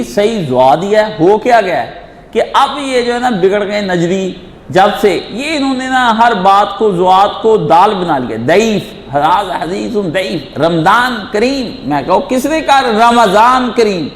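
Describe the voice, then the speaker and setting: A man's voice: high-pitched, animated. A man, answering religious questions in an emphatic, repetitive lecture style and acting out quoted voices. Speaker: Islamic teacher answering questions. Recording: echoey hall with faint noise.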